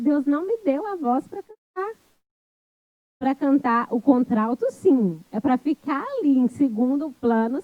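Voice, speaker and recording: High-voiced woman giving a halting sermon. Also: dry recording, dull audio. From Brazil. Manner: halting, many fillers and restarts. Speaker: church speaker. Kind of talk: informal sermon. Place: church.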